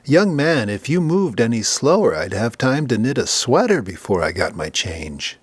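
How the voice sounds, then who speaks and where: A man's voice: mid-range voice, very animated, moderate pace, husky, no echo. A man voicing a bold, brassy middle-aged woman who scolds impatiently, in a comedy audiobook. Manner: scolding, sharp-tongued.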